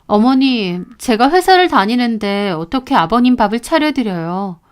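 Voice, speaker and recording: A woman's voice: on the high side, lively intonation, normal speed, clean tone. A woman narrating her own story as a daughter-in-law, speaking in an indignant, aggrieved tone.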